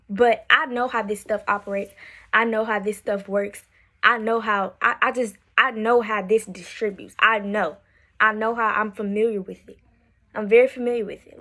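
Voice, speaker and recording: Chatty woman telling a storytime vlog. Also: medium pitch. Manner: animated, repetitive, drops to a whisper for swear words.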